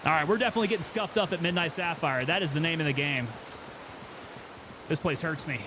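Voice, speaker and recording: A man's voice: fairly high pitch, fast, background noise. A man giving casual gameplay commentary, thinking aloud and chatting with teammates as he plays. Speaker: gaming streamer.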